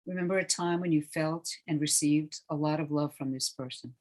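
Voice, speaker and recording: A meditation guide leading a guided relaxation with a slow, soothing, hushed delivery that trails off softly at the ends of phrases. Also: mid-range voice, steady tone.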